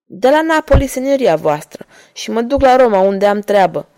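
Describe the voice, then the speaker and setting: A woman's voice: fairly high pitch, very animated, warm tone. A woman reading an audiobook, voicing a cunning male guide who speaks deferentially and talks his way out of trouble. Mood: obsequious. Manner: sly, deferential, talking his way out. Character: cunning male Italian guide, servile and quick.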